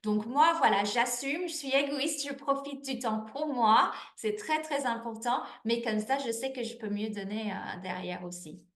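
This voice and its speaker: In an echoey room, a network marketing manager in her thirties responds to interview questions as a guest, speaking at normal speed with few pauses in a slightly high voice. She's candid and chatty, full of fillers and restarts.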